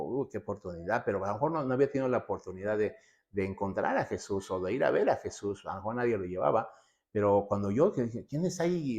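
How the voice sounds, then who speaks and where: A man's voice: fairly low pitch, darkish tone. A man preaching a sermon, asking rhetorical questions and repeating phrases for emphasis. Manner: asks himself rhetorical questions and answers them.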